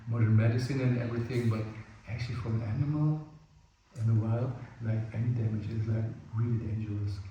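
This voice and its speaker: A man's voice: mid-range voice, warm tone. A man with German as his first language explains playfight rules to a group in a big indoor room full of mats. He rambles, uses lots of fillers, and acts out little scenes. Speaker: playfight workshop instructor. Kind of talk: casual spoken explanation of rules. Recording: distant, very echoey room with faint noise.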